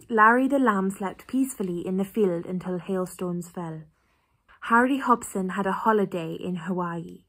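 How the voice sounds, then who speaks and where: A young woman with a Cork Irish accent and a husky voice, reading test sentences aloud in a careful, deliberate way. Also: medium pitch, fairly bright tone. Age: young adult. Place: small bedroom, indoors.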